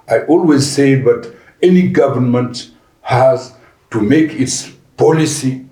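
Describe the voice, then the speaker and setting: Deliberate man, roomy echo. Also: medium pitch, a little mellow. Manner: deliberate with frequent restarts and fillers. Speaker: panel guest. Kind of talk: podcast panel discussion. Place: conference venue.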